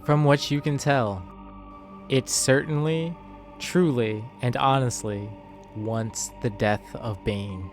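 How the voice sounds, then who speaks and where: Slow, deliberate male game master. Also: medium pitch, soft background music. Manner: deliberate, dramatic phrasing. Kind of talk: narrating a tabletop game.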